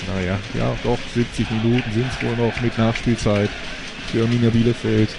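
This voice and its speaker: A man with a medium-pitched voice calls a football match live, play by play. He repeats words as he follows the ball, and there is clear noise from the outdoor ground behind him. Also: little pitch movement, normal speed. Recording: noisy outdoor stadium recording.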